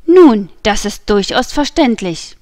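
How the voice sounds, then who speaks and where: A woman's voice: on the high side, animated, darkish tone, dry recording, clean studio sound. A woman voicing a scornful cool nobleman. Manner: scornful, unhurried, mocking. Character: haughty, mocking male nobleman, cool and contemptuous.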